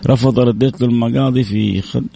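A man hosting a call-in radio show, his voice hoarse, reading out listener messages with devout phrasing. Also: medium pitch, fairly even intonation, fast. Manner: reads listener messages aloud, warm religious phrasing.

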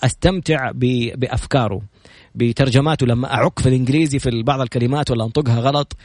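A male podcast host talks at a quick clip, chatty and lively. His voice sits at an ordinary pitch. The sound is close and dry, with no room echo. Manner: opens with recited prayers, then brisk storytelling; lively and chatty, jokes with the guest. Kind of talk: casual talk show introducing a guest.

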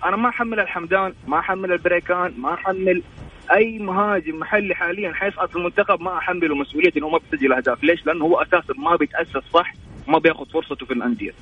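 This man from Jeddah, Saudi Arabia, calls in with sports opinions, his high, slightly rough voice rattling off argumentative points in quick succession. The poor phone connection drops in and out, making the line muffled and broken.

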